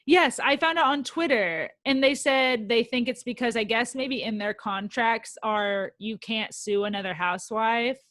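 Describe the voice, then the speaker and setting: A young woman co-hosting a podcast, chatting excitedly about reality TV with lots of "like" and "um". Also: fairly high pitch, normal speed, hardly any pauses, no echo. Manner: chatty, excitable, says "like" and "um" often. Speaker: podcast co-host. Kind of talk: casual chat about reality TV.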